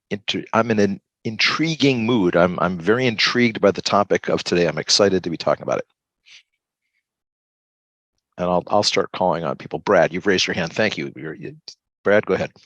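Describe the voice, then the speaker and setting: Low-voiced guy hosting a video call, halting, dry sound, lots of uhs. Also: no echo, highs cut off. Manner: relaxed, halting, many fillers. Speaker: host of a group video call. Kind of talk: casual group check-in.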